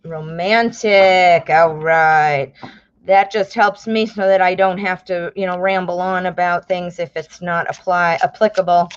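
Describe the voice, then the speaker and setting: On a muffled recording, an American woman with a lowish, clear and resonant voice hosts a live tarot stream, speaking at a measured pace with fairly even intonation. She's chatty and warm, reading viewer names aloud, calling people honey and my love, explaining the cards, and exclaiming and laughing at what turns up.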